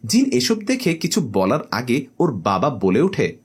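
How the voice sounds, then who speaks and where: A man narrating a scripted comic horror story in an animated, playful way. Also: mid-range voice, measured pace, breathy edge.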